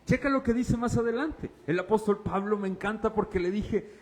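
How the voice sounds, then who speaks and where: A man with a high-pitched voice preaching a sermon. He drops into hushed, low stretches, then rises into excited exclamations and speaks straight to his congregation. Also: normal speed. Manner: swings between hushed low passages and raised, excited preaching; exclaims and addresses the congregation directly. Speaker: pastor.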